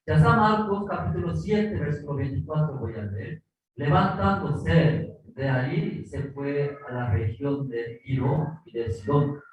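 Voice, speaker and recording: A man's voice: medium pitch, darkish tone, highs cut off, slight background noise. A man from South Korea with a Korean accent, preaching a sermon in simple, repetitive Spanish full of rhetorical questions. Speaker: pastor. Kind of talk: sermon with Bible reading. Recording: distant echoey online service audio.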